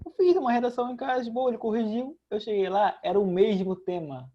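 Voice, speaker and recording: Fast-talking male student on a dull line. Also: high-pitched, slight background noise. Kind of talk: casual chat.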